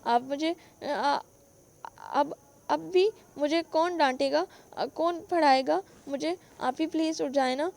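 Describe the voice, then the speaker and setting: A tearful young boy from an audio novel, voiced by a woman, pleading through sobs. The voice is high and keeps stumbling. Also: vocal fry, darkish tone.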